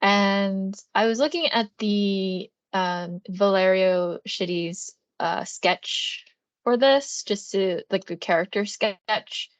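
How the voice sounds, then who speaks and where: A woman's voice: medium pitch, slow, no room sound. A woman co-hosting a casual video chat, talking loosely with many fillers. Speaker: co-host, comics sales.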